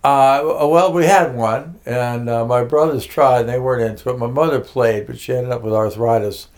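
An older man from Connecticut, a music producer appearing as an interview guest, rambles through his life story in a casual conversation. He uses lots of fillers and restarts, speaking at a normal speed in a mid-range voice.

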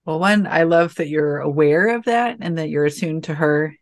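A woman giving calm, measured and reassuring advice in a relaxed conversation. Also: deep voice. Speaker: podcast guest.

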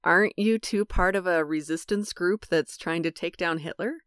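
A woman's voice: lowish voice, moderate pace, a bit bright, clear, resonant tone. A woman hosting a podcast, asking her guests questions in a cheerful way and laughing easily. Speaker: podcast host. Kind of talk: scripted podcast interviewing.

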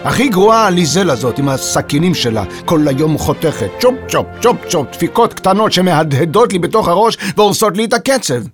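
A man voicing a grumpy, hard-of-hearing old composer who shouts irritably in a children's audio story. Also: mid-range voice, steady tone, hardly any pauses, soft background music, close to an everyday voice. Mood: grumbling.

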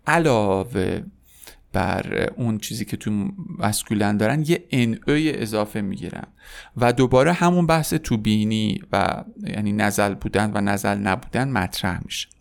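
A man teaching a beginners' French lesson, explaining quickly and then saying each word slowly and repeating it. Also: on the low side, animated, creaky. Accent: Persian-speaking. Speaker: language teacher.

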